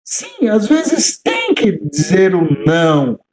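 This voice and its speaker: A man, a teacher guest telling stories in conversation, animated and acting out dialogue with restarts. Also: sits high, slow. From southern Brazil. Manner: animated, acts out quoted dialogue, repeats words when restarting. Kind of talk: conversational storytelling.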